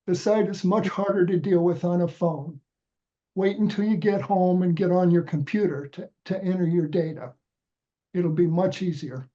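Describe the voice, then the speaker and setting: High-voiced but dark in tone, this congested man is heard on a muffled recording. He has a head cold and works as a volunteer trainer, leading volunteers patiently through a website one step at a time over video call, with frequent restarts.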